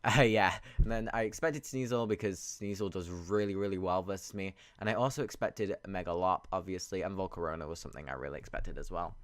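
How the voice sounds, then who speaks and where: A man's voice: low-pitched, smooth, no room sound. A man sniffly and congested with a cold, giving casual, rambling gameplay commentary and thinking aloud. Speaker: video game battle commentator.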